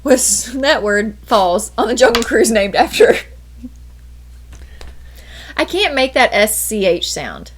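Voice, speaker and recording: A woman co-hosting a laid-back trivia stream, reading questions and joking at her partner's expense. Her voice sits fairly high and moves with lively, animated swings. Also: slow pace, pauses often, slight background noise. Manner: teasing, playful. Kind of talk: casual livestream trivia chat.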